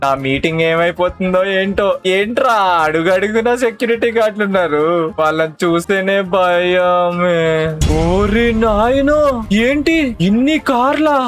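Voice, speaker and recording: A man voicing an anxious, exclaiming cartoon character in role-play. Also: high voice. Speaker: narrator and lead voice.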